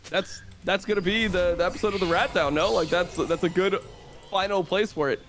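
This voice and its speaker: Higher-voiced man hosting a podcast. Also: brisk, faint music behind. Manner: relaxed, filler-heavy, wrapping up. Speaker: podcast host. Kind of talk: casual podcast chat.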